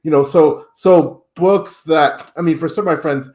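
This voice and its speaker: A man's voice: a little high, normal speed, darkish tone. A man hosting a podcast interview, enthusiastic and rambling, often repeating words as he talks. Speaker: podcast host. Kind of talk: casual interview chat. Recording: roomy echo.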